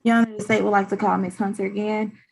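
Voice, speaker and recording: A woman with a mid-pitched voice speaks as an attorney for the state. Her delivery is formal and procedural, with halting phrasing. She is heard over a video call. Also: little pitch movement, gravelly, a little mellow, a little hiss or hum. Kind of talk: formal courtroom questioning.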